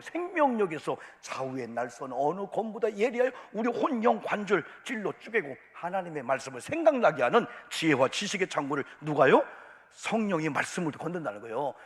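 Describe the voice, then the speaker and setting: A middle-aged male pastor giving a lively, joking sermon, swinging between loud exclamations and soft asides. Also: sits high. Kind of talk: lively sermon with acted-out everyday dialogues. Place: church sanctuary. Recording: long church hall reverb.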